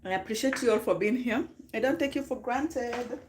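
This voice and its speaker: A woman's voice: fairly high pitch, moderate pace, roomy sound. A woman with a Kenyan accent hosting a casual live stream, chatting and greeting viewers by name while mixing in Swahili phrases.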